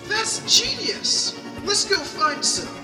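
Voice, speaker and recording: A man playing an earnest, excitable young investigator in an audio drama. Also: high voice, normal speed. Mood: alarmed, excited. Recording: echoey hall, distant mic, music behind.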